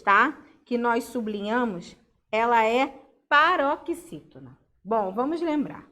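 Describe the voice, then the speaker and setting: High-voiced Brazilian teacher, patient. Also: female voice, fairly bright tone. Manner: patient, explaining step by step with frequent check-ins. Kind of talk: online class lesson.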